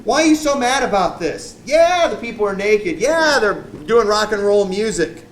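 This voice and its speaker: A soft, whiny man who pleads and defends himself, pitched a bit above a normal male voice , as a preacher puts him on to mock him. He sounds defensive rather than strong. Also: animated, moderate pace, echoey room, slight background noise, poor audio. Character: whiny, soft-spoken weak male leader, mocked.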